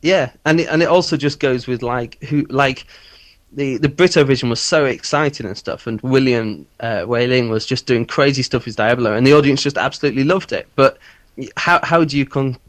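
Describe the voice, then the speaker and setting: A man's voice: mid-range voice, fairly quick, no echo. Guy guesting on a podcast, says like a lot, dry sound. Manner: hesitant, lots of "like" and restarts. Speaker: guest, host's twin brother. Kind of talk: casual interview chat.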